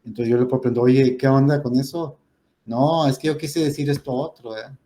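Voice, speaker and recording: Guy teaching grammar, warm mellow voice, patient, lots of "este" and "¿verdad?". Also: medium pitch, fairly even intonation, brisk. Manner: patient, explanatory, many "este" fillers and rhetorical "¿verdad?". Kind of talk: classroom grammar lesson.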